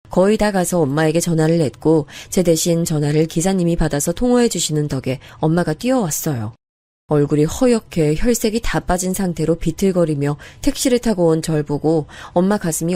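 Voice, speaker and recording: A woman's voice: low-pitched, mellow, dry recording. A woman narrating a first-person story in an earnest, confiding way. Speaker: narrator of a true-story drama.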